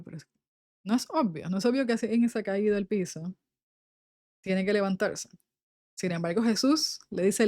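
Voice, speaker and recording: A woman's voice: medium pitch, a little mellow, no room sound, clean studio sound. A young adult woman, leading a Bible study and reading scripture aloud before explaining it in a conversational way. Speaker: Bible teacher.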